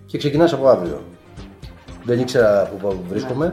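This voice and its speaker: A man's voice: mid-range voice, lively intonation, dark tone. A man in his forties, a guest sports journalist, making his points at length in casual podcast chat. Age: 40s. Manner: argues at length, explaining points. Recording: roomy echo with faint music.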